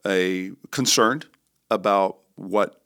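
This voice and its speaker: A man, a worship pastor, talking in a relaxed podcast conversation, thinking aloud with frequent restarts and fillers. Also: deep voice, slow pace, clear, resonant tone. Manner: thoughtful, rambling with restarts and fillers.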